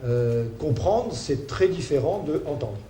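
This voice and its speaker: Halting male lecturer in a roomy hall. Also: fairly high pitch, expressive, warm tone. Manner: halting, many fillers and restarts. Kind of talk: hesitant spoken lecture. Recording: roomy hall sound with faint ambient noise.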